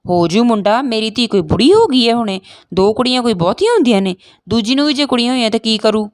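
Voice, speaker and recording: A woman's voice: fairly high pitch, expressive, quick pace, dry recording, pitched above the performer's own voice, lightly acted. A woman reading as a tearful village mother. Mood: indignant. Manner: pleading, tearful. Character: middle-aged Punjabi village mother, grieving for daughter.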